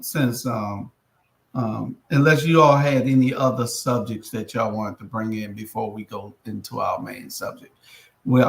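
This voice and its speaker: Roomy echo, man, mid-pitched voice, informal host, hesitant phrasing. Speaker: host and moderator. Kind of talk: casual panel moderation.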